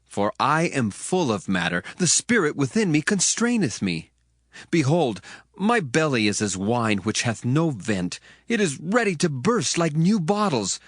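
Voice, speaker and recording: Elihu, earnest young man with animated oratory. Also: medium pitch, no room sound, clean studio sound. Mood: impassioned, bursting. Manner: oratorical, emphatic, archaic formal phrasing. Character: earnest young man Elihu, indignant biblical speaker rebuking his elders. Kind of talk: dramatized scripture reading, declamatory.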